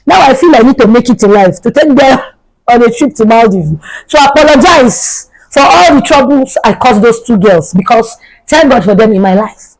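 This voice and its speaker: A young woman telling a storytime vlog in an animated, dramatic way, her pitch jumping suddenly. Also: moderate pace, poor audio. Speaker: vlogger.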